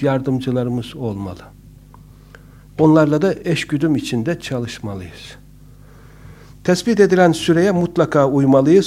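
A man's voice: on the high side, warm tone. A man giving a casual, instructive talk on public speaking, conversational and joking, with frequent hesitant fillers. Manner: conversational, with humorous asides and many hesitant fillers.

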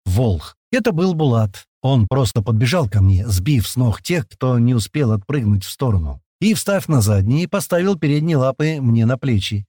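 A man's voice: medium pitch, big pitch swings, normal speed, hardly any pauses, mellow, dry recording, clean studio sound. A man narrating an audiobook in the first person, in a casual manner with coarse slang.

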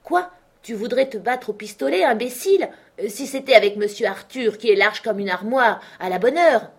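A woman reading the part of a wealthy, blunt old gentleman who speaks in an insistent, commanding way, in a slightly husky voice. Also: medium pitch, lively intonation, moderate pace, natural voice. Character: wealthy old man, blunt and generous host.

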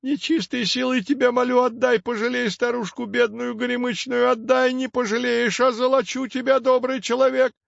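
A man voicing a crafty, spiteful old witch woman with a whiny, nasal, creaky voice. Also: very high-pitched, little pitch movement, normal speed, hardly any pauses, no echo, muffled recording, pitched above the performer's own voice, heavily acted. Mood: pleading whine.

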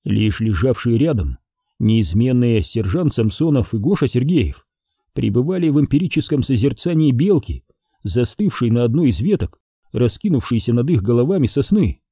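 A man narrating an audiobook in an expressive storytelling manner. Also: mid-range voice, moderate pace, husky, dry recording, studio quality. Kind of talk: scripted narration.

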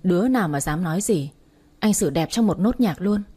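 A cocky young man who leads a gang, teasing and bossy yet doting, voiced by a woman narrator. The tone is mellow and a little husky. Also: fairly low pitch, animated, fairly quick. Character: cocky, protective young male gang boss suitor.

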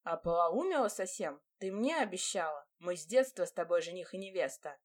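A woman's voice: lowish voice, animated, fairly quick. An impatient, arrogant young nobleman, played by a woman reading aloud, snapping his words short and scornfully. He sounds haughty and pushy, as a figure in an audiobook. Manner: curt and scornful.

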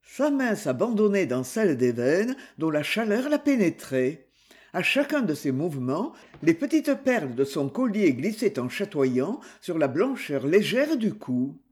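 A man narrating a novel aloud in an expressive reading. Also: a little high, measured pace. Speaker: audiobook reader.

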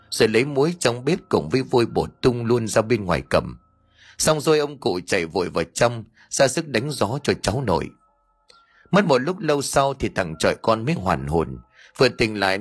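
A man's voice: on the low side, slightly rough. A man narrating a scripted ghost story in a dramatic, tense storytelling manner.

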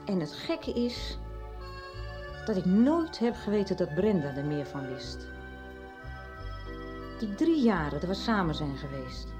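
Over music, an actress in a 1990s radio play voices a middle-aged character who confides her past in a chatty way, hesitating a little. She speaks on the low side with big pitch swings, a measured pace and long pauses, in a confiding mood.

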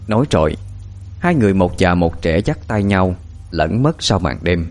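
A man narrating a horror story in a dramatic, expressive way. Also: low voice, moderate pace.

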